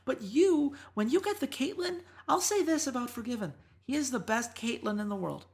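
A woman's voice: high voice, animated, moderate pace, a little mellow. A woman co-hosting an esports podcast, talking through matches in casual analysis with emphatic, exasperated rants.

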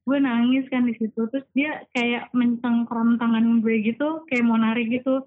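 A woman's voice: fairly high pitch, fairly even intonation, normal speed. A young woman, earnestly recounting a frightening personal story in casual slang-filled chat. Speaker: storyteller guest. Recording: tinny phone-like audio.

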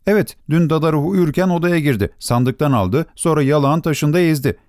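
A man's voice: on the high side, brisk, a little mellow, dry recording, studio quality, pitched above the performer's own voice, lightly acted. A man voicing a frightened, guilty little boy in an audiobook story, pleading in a raised childlike voice. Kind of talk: audiobook character voice.

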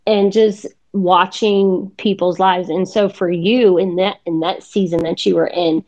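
A woman's voice: lowish voice, fairly even intonation, measured pace. A woman hosting a casual faith chat, telling stories and laughing often. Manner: warm storytelling, laughs often. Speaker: podcast host. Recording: dull lo-fi sound.

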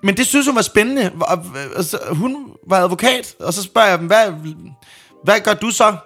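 A young man co-hosting a podcast, chatting casually and acting out stories with sudden shouts. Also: sits high, soft background music. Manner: jokey, acts out scenes with sudden shouts. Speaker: podcast co-host. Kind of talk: casual chat.

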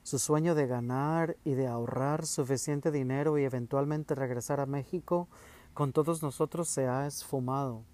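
A man voicing a caring, tearful mother who speaks softly and consolingly. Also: medium pitch, steady tone, moderate pace, close to an everyday voice. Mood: gentle consoling. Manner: soft, consoling, pleading.

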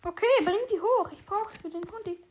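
A woman casually chatting while playing a survival game, excitedly narrating everything she does. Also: very high-pitched, fairly quick, a little hiss or hum. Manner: excitable, narrates her own moves aloud. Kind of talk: casual gameplay chat.

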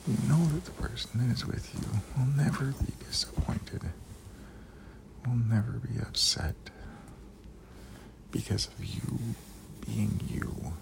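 A man doing ASMR in a low, breathy whisper close to the ear, speaking slowly and soothingly with long, deliberate pauses. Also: poor audio. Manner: close, intimate, right-in-your-ear delivery; slow, deliberate, drawn-out phrasing with pauses. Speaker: host. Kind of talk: ASMR, slow soft whispering monologue.

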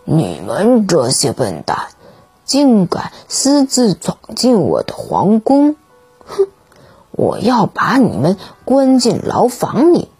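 A woman voicing a grumpy, bossy male fish king in a children's storybook, scolding haughtily in a husky voice. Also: medium pitch, huge pitch swings, slow, darkish tone, no room sound, faint music behind, heavily acted. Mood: angry.

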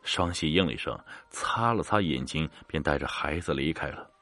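A man narrating a scripted story in an expressive, rising and falling way. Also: a bass voice, moderate pace. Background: faint background music.

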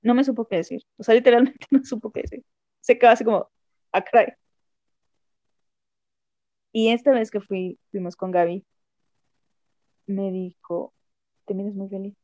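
A woman's voice: a little high, fairly even intonation, normal speed, warm tone, dry recording. A woman with a Mexican accent, a guest telling a personal story in a candid, reflective way and repeating phrases for emphasis. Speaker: interview guest.

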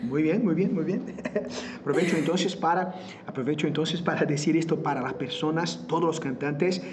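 A man's voice: fairly high pitch, moderate pace, background noise. A man with a Brazilian Portuguese accent, a native Portuguese speaker and vocal coach, explaining singing exercises in an interview, slipping in Portuguese words and stopping to demonstrate. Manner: slips in Portuguese words, searches for words.

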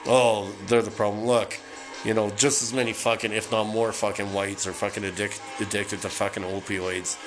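Solo host, a man from Canada: a foul-mouthed, rambling late-night rant, low-pitched, with a record playing behind him. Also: little pitch movement, normal speed, rough recording. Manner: swears constantly, heated and rambling. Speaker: solo podcaster ranting. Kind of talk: casual profane rant. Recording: music playing in the background. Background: music from a record player.

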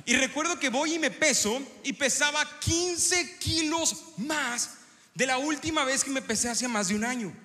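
Mexican male pastor, bright and high. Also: moderate pace, faint music behind. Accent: Mexican Spanish. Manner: storytelling, lively and engaging the congregation. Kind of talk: sermon. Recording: preaching with long hall reverb.

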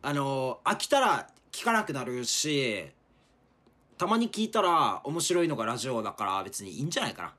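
A man's voice: mid-range voice, sing-song, moderate pace, pushed and bright, husky. A young man co-hosting a podcast in casual comedic banter, teasing his partner playfully and dropping into silly bits. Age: young adult. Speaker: podcast co-host.

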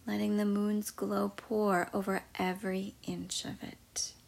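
A woman guiding a meditation in a soft, slow, mostly whispered voice. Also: medium pitch, flat delivery, gravelly. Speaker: meditation guide. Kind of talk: guided meditation.

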